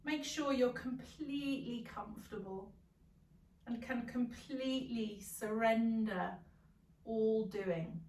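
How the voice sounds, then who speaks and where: Her voice is a little high, and her pace is very slow as she guides a yoga nidra meditation. She instructs gently and calmly, pausing at length. Echo fills the room, and the mic sits well away from her.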